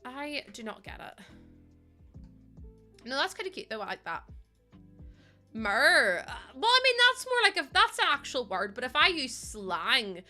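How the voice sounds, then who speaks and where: A young woman from Northern Ireland chats casually with her live stream chat, giggly and talkative, using local slang in her Northern Irish accent. Her high voice swoops wildly in pitch and has a sharp tone, and she speaks at a measured pace with frequent pauses. Faint music plays behind her.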